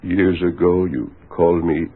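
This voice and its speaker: An actor playing a wounded young Texas Ranger in a 1940s radio drama, speaking in an earnest, halting way. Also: male voice, sits low, steady tone, slight background noise. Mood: weak, earnest. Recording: tinny lo-fi old radio broadcast.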